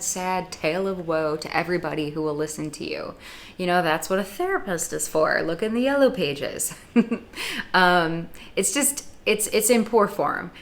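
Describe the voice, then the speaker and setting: Blunt, sarcastic woman with a low voice. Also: fairly bright tone. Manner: blunt and sarcastic, with dramatic quoted asides. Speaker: YouTube vlogger. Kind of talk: casual opinionated monologue.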